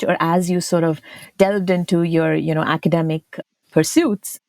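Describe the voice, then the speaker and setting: A woman's voice: on the low side, darkish tone, no room sound. A woman hosting a podcast, reading a guest introduction and asking conversational interview questions. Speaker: podcast host.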